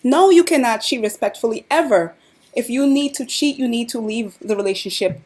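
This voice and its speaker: A woman's voice: a little high, normal speed, darkish tone, breathy edge. A woman co-hosting a live chat show who gives her opinion bluntly, hammering her points with repetition. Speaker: podcast co-host.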